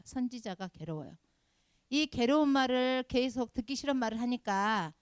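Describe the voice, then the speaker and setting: A woman's voice: on the high side, a little mellow, dry recording. A middle-aged woman leading a children's Sunday school sermon, emphatic and scolding, asking the class rhetorical questions. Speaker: Sunday school department head preaching.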